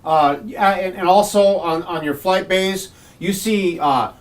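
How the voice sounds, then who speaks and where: A man's voice: high voice, takes it slowly, recorded from a distance. A man running a tabletop game as game master, narrating in a rambling way full of fillers, recorded in a garage. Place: home garage.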